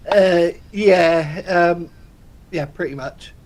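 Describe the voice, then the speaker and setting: A man co-hosting a podcast, laid-back and quick to laugh, trailing off mid-sentence. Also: high voice. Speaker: podcast co-host. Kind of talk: casual chat.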